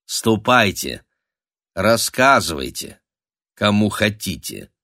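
A man's voice: very animated, slow, sharp tone, dry recording, clean studio sound, heavily acted. A man voicing a bold, mocking young princess who laughs at the man threatening her. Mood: laughing. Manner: laughing, teasing, high-spirited.

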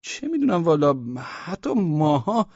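With big pitch swings and a husky voice, a man gives a full character reading of a flustered, evasive official in an audiobook. He stammers, hedges and pleads in a high register, insisting anxiously. There's no room sound, and the audio is dull and dry.

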